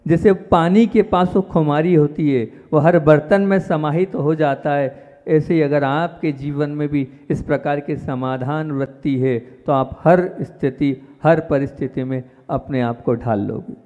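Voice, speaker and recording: A man, a Jain monk, giving a sermon and speaking to his listeners directly, with emphatic jumps in pitch and loudness on key words. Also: fairly even intonation, measured pace. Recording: dull reverberant hall sound.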